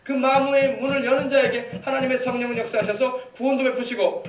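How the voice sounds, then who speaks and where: A man's voice: very high voice, level tone, quick pace. A male pastor preaching an emphatic sermon, exhorting the congregation with rhetorical questions. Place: church sanctuary. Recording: echoey church hall, mic at a distance.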